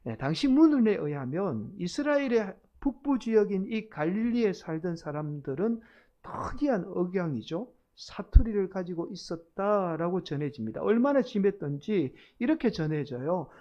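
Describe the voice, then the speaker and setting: Brief: storytelling male preacher, warm and mellow, sermon style. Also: high voice, expressive, normal speed. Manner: storytelling, addresses the congregation directly. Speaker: senior pastor. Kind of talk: expository sermon. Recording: dull lo-fi sound.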